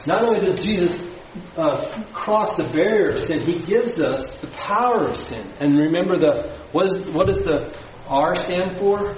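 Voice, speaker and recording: Speaking from a church sanctuary, a male pastor preaches to his congregation, putting questions to them and building emphasis. His voice sits high with lively intonation, and he talks a little slowly with few pauses. The recording is dull and taken from far off in a very echoey hall, with slight background noise.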